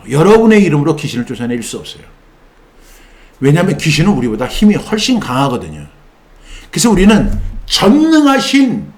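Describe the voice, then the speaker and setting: Male pastor, middle-aged, animated sermon delivery, slightly high voice with wide swings. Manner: animated preaching, acts out quoted voices.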